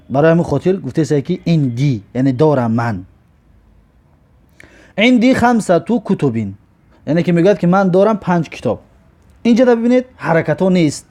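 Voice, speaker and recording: A man teaching an Arabic grammar lesson. He patiently repeats each example word slowly, then explains it step by step. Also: fairly high pitch, mellow.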